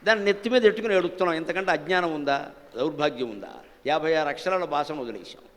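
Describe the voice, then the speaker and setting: Man, spiritual discourse, emphatic, scornful asides, high-pitched, long hall echo. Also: expressive, racing. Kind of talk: Telugu religious discourse. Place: temple hall in front of a live audience.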